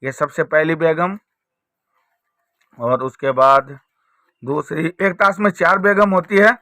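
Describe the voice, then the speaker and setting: A man's voice: on the high side, slow pace, bright, forceful tone, dry recording. A man presenting a card trick tutorial, explaining it step by step with repeated rhetorical questions. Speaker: magic trick teacher and presenter.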